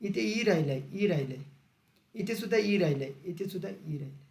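A male teacher taking students through an exam-prep grammar lesson. He asks questions and then repeats the answers slowly. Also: high voice, animated, darkish tone. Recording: echoey room.

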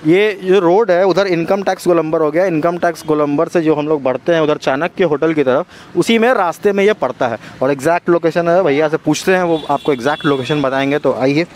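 A man talking through a face mask at an outdoor street food stall, a chatty food vlogger asking the vendor quick questions. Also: a little high, a little mellow, a little hiss or hum. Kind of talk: casual street food vlog.

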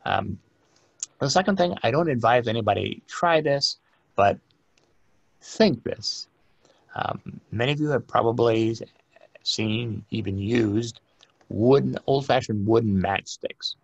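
A man's voice: medium pitch, slow pace, creaky, long pauses, slightly rough, no echo. A man giving a conference lecture as a librarian and archivist, emphatic and direct, with rhetorical questions.

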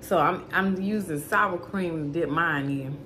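A woman in her thirties speaks a little slowly in a bright, forceful voice on the low side, with slight background noise. She hosts a casual cooking channel from her home kitchen, chatty and talking straight to viewers, whom she calls y'all and baby.

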